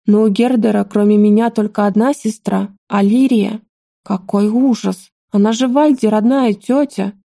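An anxious, imperious queen mother, voiced by a woman reading an audiobook, with a soft, mellow tone in a dry, close recording. She gives orders in a firm voice and quickly turns to fearful lament. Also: medium pitch, steady tone, creaky, dry recording. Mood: alarmed. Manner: commanding, then alarmed and wailing. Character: stern royal mother, anxious and fussy.

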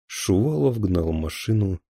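A man narrating a thriller audiobook in a steady, even storytelling voice. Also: low-pitched, unhurried, vocal fry, no room sound, clean studio sound.

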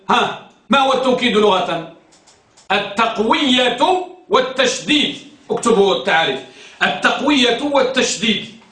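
A man's voice: high-pitched, bright, forceful tone. A man teaching a grammar class, quizzing students and repeating their answers, recorded in a classroom. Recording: echoey room, distant mic.

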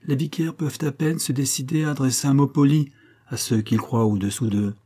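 A man's voice: medium pitch, brisk, breathy edge, natural voice. A man reading a proud, earnest working man. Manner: earnest, steady, plain-spoken. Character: proud plain-spoken working man from the north. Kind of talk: audiobook character reading.

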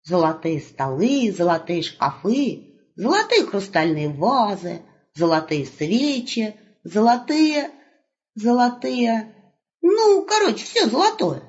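Brash young wolf lad in a storybook , voiced by a woman, high and bouncy, slangy and cheeky, muffled sound. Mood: puzzled. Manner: slangy, excited, quick. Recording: muffled lo-fi recording.

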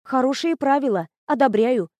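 A woman's voice: sits high, normal speed, no echo. A woman reading the lines of a shy, smitten young woman student in an audiobook. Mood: flustered. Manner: bashful, flustered, excited.

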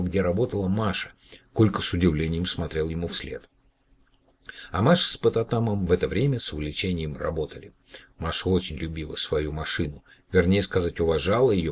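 A man narrating an audiobook in a deep, husky voice. His storytelling is steady and even. The reading sounds scripted and unhurried.

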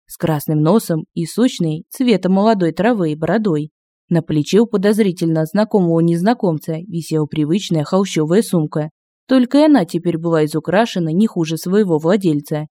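A man narrating an audiobook in a lively, expressive reading. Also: fairly high pitch, no room sound.

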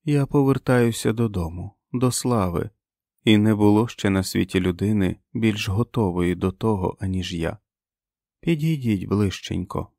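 A man voicing a frail, very old prophetic woman who speaks slowly and solemnly, in an audiobook. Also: fairly low pitch, creaky, a little mellow, no echo, studio quality. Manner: slow, solemn, preaching. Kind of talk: audiobook character voice.

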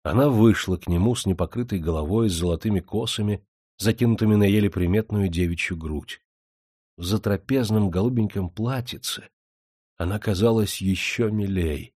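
A man giving scripted audiobook narration in an even storytelling manner. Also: fairly low pitch, normal speed, dry recording, clean studio sound.

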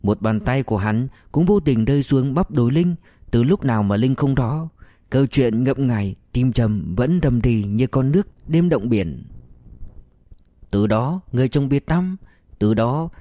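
A man narrating an audiobook story in a measured, expressive storytelling manner. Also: mid-range voice, no room sound, clean studio sound.

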